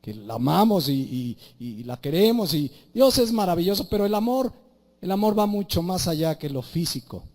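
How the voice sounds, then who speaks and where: Mexican male pastor, high-pitched, conversational sermon delivery. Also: lively intonation, normal speed, darkish tone. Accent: Mexican Spanish. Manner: conversational preaching, rhetorical questions, acts out little dialogues.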